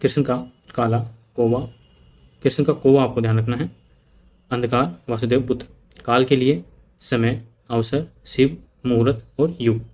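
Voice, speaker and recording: A man leads an exam prep lesson in Hindi, sprinkling in English terms, repeating word lists and checking in often with "ठीक है". His mid-range voice is slightly mellow and measured in pace.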